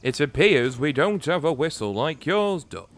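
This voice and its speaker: A man's voice: a little high, sing-song, normal speed. A man voicing a matter-of-fact male workman who speaks plainly.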